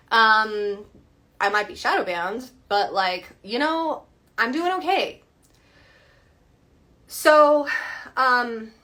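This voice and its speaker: A young woman talking casually into her phone on a live stream, her voice bright and forward. She rambles a little, leans on fillers, and sounds earnest and slightly defensive as she explains her view. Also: mid-range voice. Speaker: astrologer hosting a live stream.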